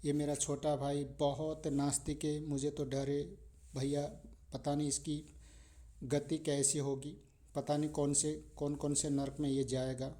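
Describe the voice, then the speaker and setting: A man playing an anxious elder brother who pleads with a guru, in a warm, mellow voice. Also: fairly high pitch, monotone, a little slow, close to an everyday voice. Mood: worried. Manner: anxious, imploring.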